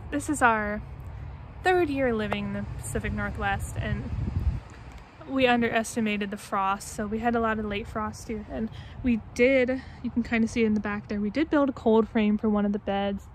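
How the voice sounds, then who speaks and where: Out in her backyard garden, an American woman in her twenties vlogs an unplanned tour, keeping the camera or phone at arm's length. She speaks on the high side with fairly even intonation at a moderate pace, over slight background noise.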